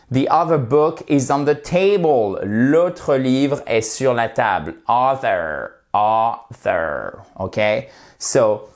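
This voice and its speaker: A man's voice: mid-range voice, a little mellow. A man teaching English vocabulary in a video lesson. He explains at length and repeats sample phrases with emphatic stress.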